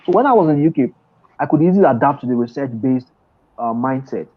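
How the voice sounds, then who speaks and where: A middle-aged Nigerian trader and mentor appears as a guest on a video call interview, speaking emphatically with many restarts. His mid-range voice is husky, fast and lively in intonation. He sits in an office chair in an indoor room, using an earphone headset, and the call audio is dull and lo-fi.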